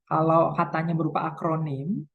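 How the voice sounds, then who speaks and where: A woman lecturer explaining English pronunciation, modeling English words slowly with stress and thinking aloud between points. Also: low voice, little pitch movement, breathy edge, muffled recording. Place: university.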